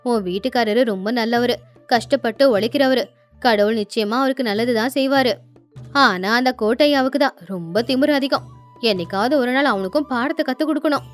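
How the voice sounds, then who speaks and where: A woman's voice: a little high, a little fast, faint music behind, close to an everyday voice. A woman voicing an outspoken, kindly neighbor lady. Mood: reassuring. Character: sympathetic older female neighbor, outspoken. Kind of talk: storybook narration with character voices.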